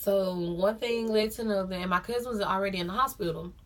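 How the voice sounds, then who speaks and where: A young woman storytime vlogger talks fast and straight to her viewers, calling them y'all. Chatty, with a mid-range voice, she repeats phrases for emphasis.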